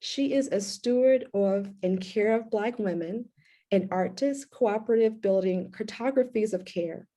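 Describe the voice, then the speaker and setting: A woman host reads guest introductions in a measured, formal way and then moderates the panel. Her voice is mellow and relaxed. She speaks over a video call. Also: medium pitch. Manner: clear, measured, formal reading. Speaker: co-curator and host.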